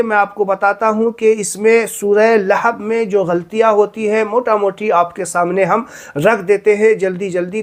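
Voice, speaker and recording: A man teaching how to recite during prayer, earnest and repeating his key points. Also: high-pitched. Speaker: religious teacher. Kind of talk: instructional talk with recitation.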